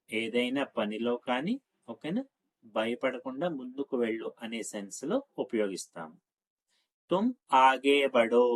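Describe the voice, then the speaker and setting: A Telugu-speaking man teaching spoken Hindi, saying each phrase slowly and adding quick asides between the drills. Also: mid-range voice, rough recording. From Telugu-speaking India. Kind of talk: spoken language lesson, slow drill phrases.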